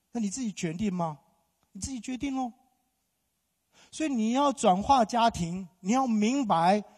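Emphatic high-voiced husky male pastor. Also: darkish tone. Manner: emphatic, rhetorical questions to the congregation. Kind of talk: sermon. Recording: long hall reverb.

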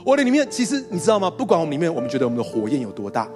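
Man, pastor, sermon storytelling, acts out quotes, high pitch, very lively intonation. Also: very fast, faint music behind. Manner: animated, acts out quotes, laughs with congregation. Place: church hall with congregation.

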